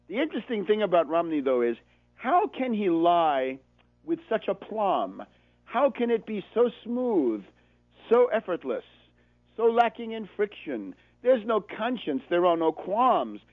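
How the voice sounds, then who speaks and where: Speaking in a high voice, this American political radio host offers sardonic, emphatic commentary in monologue form, leaning on rhetorical repetition. His audio sounds dry and narrow, like a phone line.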